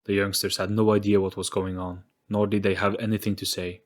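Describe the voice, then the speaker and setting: A man with a lowish voice narrates a story as an audio play, a little fast and with flat delivery, in a dramatic, scripted storybook style. Soft music plays faintly behind the narration.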